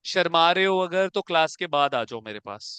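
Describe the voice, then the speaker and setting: A man's voice: a little high, lively intonation, normal speed, sharp tone, dry recording. A man teaching an accounts class to a room of students, coaxing them along and checking often whether they have understood. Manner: coaxing, calls students "beta", keeps asking if it is clear. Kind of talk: classroom lecture.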